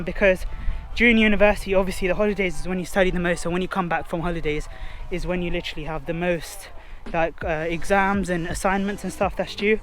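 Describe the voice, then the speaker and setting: Chatty young man vlogging outdoors. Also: sits high. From London, England. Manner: rambling, filler-heavy, chatty. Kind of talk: casual vlog to camera. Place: outdoors in a city park.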